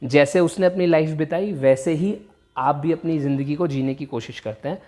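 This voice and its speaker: An English teacher with a fairly high, mellow voice gives a bilingual vocabulary lesson. He explains slowly and patiently, carefully repeating each word and switching between Hindi and English.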